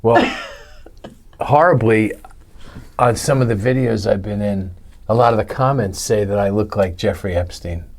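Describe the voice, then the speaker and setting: A man's voice: on the low side, fairly quick, a little mellow. Middle aged guy hosting a podcast, wry and jokey. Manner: joking, wry asides. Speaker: podcast host. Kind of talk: casual chat.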